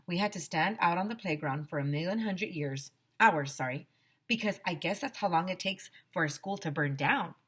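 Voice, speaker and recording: Reading a children's story to young listeners, a woman teacher brings it to life with expressive drama. Her voice is on the low side with a breathy edge, and she speaks at a normal speed.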